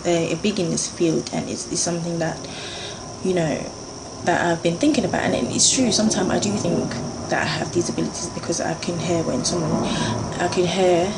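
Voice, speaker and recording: A Jamaican beauty vlogger in her 30s talks casually to camera in a low, gravelly voice, working through a list. She is chatty and earnest, peppering her sentences with fillers, while a clear hum of insects runs underneath the recording.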